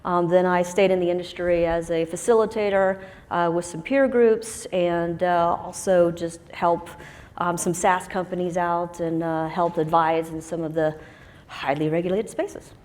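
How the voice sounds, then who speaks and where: A woman's voice: fairly low pitch, steady tone, unhurried, darkish tone. A woman speaking on a conference panel in a chatty, self-deprecating way with many fillers, from Huntsville, Alabama. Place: conference stage with long hall reverb. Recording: reverberant conference hall.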